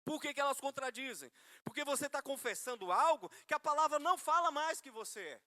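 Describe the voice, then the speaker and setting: High, bright-voiced Brazilian preacher. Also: male voice, lively intonation, fairly quick, no echo. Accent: Brazilian Portuguese. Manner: conversational, storytelling with self-mocking humor; asks listeners rhetorical questions, calls them brother. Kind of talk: sermon.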